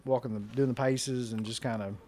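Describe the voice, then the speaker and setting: A man's voice: medium pitch, steady tone, fairly quick, a little mellow. A man co-hosting a podcast, in laid-back, profane casual chat about horror films. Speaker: podcast co-host.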